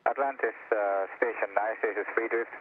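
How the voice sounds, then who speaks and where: A man's brisk, clipped call-outs come through a crackly space-to-ground radio link. The sound is thin and phone-narrow, with a clear hiss beneath it. His voice sits a touch low. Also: fairly even intonation. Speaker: astronaut radioing from the station.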